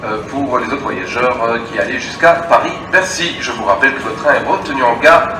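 A man gives a live announcement over a railway station PA system. His delivery is formal and a little halting, with an average pitch. The sound is echoey and distant, with clear background noise from vehicles. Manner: formal, halting, repeats information.

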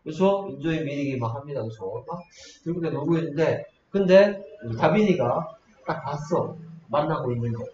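A man's voice: a little high, animated, moderate pace, darkish tone, a little hiss or hum. A man teaching English to a class, telling a playful story and often checking in with the students. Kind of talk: classroom lecture with a joking story. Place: echoey classroom. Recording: echoey, distant, dull lo-fi classroom recording.

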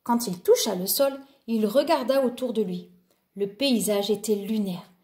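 A woman narrating a storybook for young children, gentle and expressive. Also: mid-range voice, measured pace.

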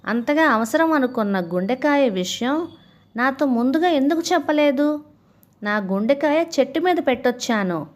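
A woman's voice: sits high, animated, normal speed. A woman reading a storybook aloud, voicing a clever male monkey who scolds his false friend. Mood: scolding. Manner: sharp, scolding. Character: clever male monkey, quick-witted, indignant.

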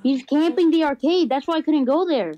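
A woman chatting casually while playing a game with friends, excitable and directing the team. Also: high-pitched, brisk, no room sound, dull audio. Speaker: game player. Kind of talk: casual gaming chat.

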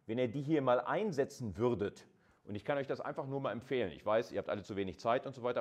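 A university lecturer explains things step by step in an informal, colloquial style, speaking directly to his listeners. His voice is mid-range with a darkish tone.

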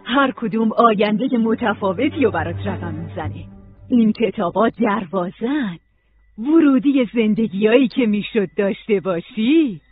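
A reader voicing a calm, gentle older woman librarian, giving slow soothing explanations in an audiobook. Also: medium pitch, slightly rough, faint music behind. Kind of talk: audiobook reading. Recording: tinny phone-like sound.

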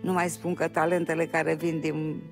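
An older woman, a TV guest, telling a warm and chatty story with many small restarts. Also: sits low, flat delivery, gravelly, faint music behind. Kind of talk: casual chat.

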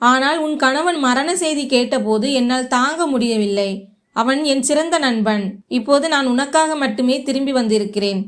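A woman's voice: high voice, moderate pace, close to an everyday voice. A woman reading as an earnest lovesick man. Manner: earnest, tearful.

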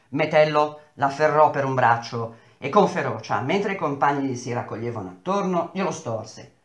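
A man reading a novel aloud in a measured, expressive storytelling manner. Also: mid-range voice, reverberant. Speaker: reader of a novel.

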